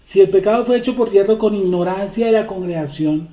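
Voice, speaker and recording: A man's voice: sits high, a little fast, mellow. A man leading a scripture study class. He reads verses aloud and keeps asking the group rhetorical questions. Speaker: Torah study teacher. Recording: tinny, echoey phone-like recording.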